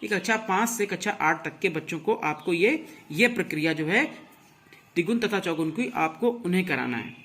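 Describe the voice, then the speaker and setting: A man's voice: high voice, animated, fairly bright tone. A man teaching a music lesson online, explaining rhythm and counting beats aloud with frequent "thik hai" check-ins. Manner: counts beats and recites tabla syllables slowly. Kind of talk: online lecture.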